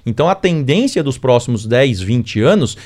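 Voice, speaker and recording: A man's voice: mid-range voice, sing-song, moderate pace, darkish tone. A man, a mayor, answering interview questions and explaining targets steadily with figures.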